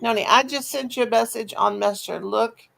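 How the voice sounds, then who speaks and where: A woman's voice: on the high side, fairly quick, gravelly, a bit bright, rough recording. A woman hosting a casual crochet video call, chatty and folksy, teasing her friends. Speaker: host of a crochet livestream. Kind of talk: casual group video chat.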